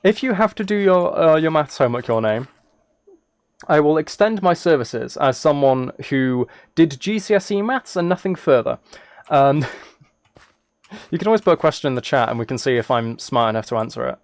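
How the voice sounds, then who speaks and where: A British man from the United Kingdom keeps up casual, rambling chatter during a gaming livestream, full of self-deprecation and apologies. His voice is a little high with lively intonation at a normal speed, captured in a dry recording.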